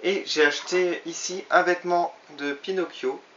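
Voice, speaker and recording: A man's voice: high voice, fairly even intonation, moderate pace, sharp tone, slight background noise. A man casually reviewing a toy he bought, chatty and often hesitating with fillers. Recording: slightly dull lo-fi recording.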